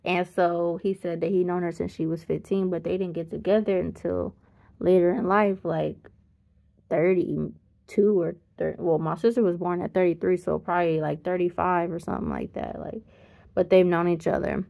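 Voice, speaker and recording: A woman in her thirties with a gravelly, slightly low voice tells a family story in a loose, rambling way. She sounds tired, and she keeps backtracking to correct herself with small chuckles. The recording is a bit dull and lo-fi. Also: steady tone, normal speed. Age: 30s. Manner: rambling, self-correcting, chuckles mid-sentence. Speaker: vlogger. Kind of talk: casual storytelling.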